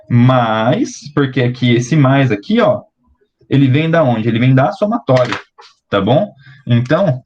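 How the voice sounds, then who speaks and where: A young Brazilian man working through an exercise for students, slowly and step by step, checking in with the class often. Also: medium pitch, darkish tone, lo-fi sound. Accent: Brazilian Portuguese. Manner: slow, step-by-step, with many fillers and check-ins. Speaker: teaching assistant. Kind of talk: explaining exercises at a board.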